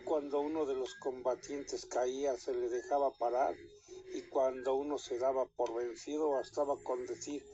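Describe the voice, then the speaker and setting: A man with a Mexican accent telling a scary story in an unhurried way, with small restarts mid-sentence. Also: medium pitch, fairly even intonation, warm tone, dull audio, slight background noise.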